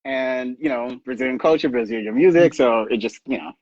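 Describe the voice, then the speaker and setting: Laid-back Bahamian-born man, husky, lo-fi dry call sound. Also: mid-range voice, fairly quick, darkish tone, no room sound. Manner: easygoing, laughs often. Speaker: guest contestant. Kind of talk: casual chat.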